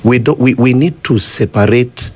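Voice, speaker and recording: A man's voice: medium pitch, normal speed, a little mellow. A man with a Kenyan accent explaining persuasively in conversation, insistent and given to repeating himself. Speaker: guest demonstrating a tech system.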